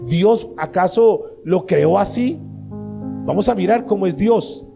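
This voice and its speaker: A man's voice: sits high, takes it slowly, creaky. A male pastor preaching a sermon, asking the congregation rhetorical questions and acting out short dialogues. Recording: live sermon with guitar music behind.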